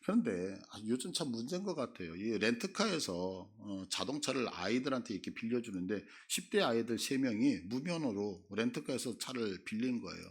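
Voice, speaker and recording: This sermon comes from a middle-aged pastor whose mid-range voice is husky, animated and brisk, with few pauses. When he voices figures from the Bible, his pitch jumps up suddenly and dramatically.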